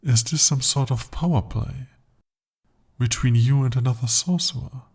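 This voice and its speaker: A man voicing a husky, possessive demon. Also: medium pitch. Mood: jealous intense. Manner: formal, intimate, slow-spoken address. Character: devoted, possessive male demon bound to a sorcerer. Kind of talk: ASMR audio roleplay.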